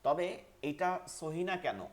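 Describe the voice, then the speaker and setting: Teacher, male, higher-pitched, patient, chants letter drills steadily. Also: lively intonation, measured pace. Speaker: Quran reading teacher. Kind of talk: online class lesson, rhythmic drilling.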